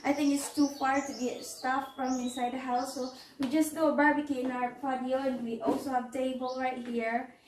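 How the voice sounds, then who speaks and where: With a high, darkish, level-toned voice that's a bit hoarse, a Filipino vlogger casually shows viewers around her house, patio included. She speaks haltingly, repeats phrases, and clears her throat, and the recording has room echo, a distant mic, and background noise.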